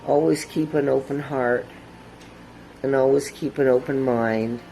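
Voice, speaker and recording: A man speaks slowly in a halting, fond way, pausing often with fillers. His voice is mid-pitched, with a faint background hum. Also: fairly even intonation, creaky, mellow, rough recording. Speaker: family member giving well-wishes. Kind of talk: casual heartfelt message.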